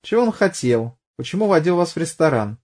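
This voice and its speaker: A man's voice: a little high, very animated, brisk, darkish tone, pitched above the performer's own voice. A man playing a blunt, mocking police detective who presses a witness, in an audiobook. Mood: probing. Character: pushy sarcastic middle-aged police detective.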